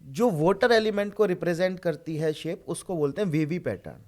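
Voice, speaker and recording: A man's voice: on the high side, expressive, normal speed, a little mellow. A man, a Vastu consultant, giving instructive explanations in an interview and often checking in with his listener. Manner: instructive, checks in with "right?" and "isn't it?".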